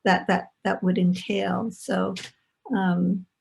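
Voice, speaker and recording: Gravelly, husky woman panelist. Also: lowish voice, level tone, slow. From Los Angeles, United States. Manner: reflective, repeats words, asks rhetorical "right?". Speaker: panelist, former professor. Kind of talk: panel discussion. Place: home, remote video call.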